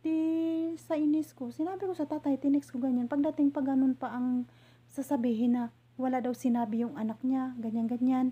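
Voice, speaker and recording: A woman from the Philippines telling a hurtful story from her job as a domestic helper, in a halting way with many restarts. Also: sits high, steady tone, husky, phone-quality sound. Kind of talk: emotional personal storytelling.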